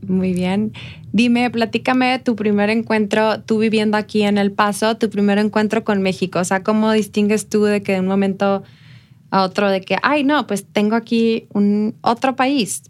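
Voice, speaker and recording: A woman's voice: mid-range voice, fairly even intonation, moderate pace. Affirming woman host. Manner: warm, affirming, rephrases and encourages the guest. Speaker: interview host. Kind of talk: casual conversational interview.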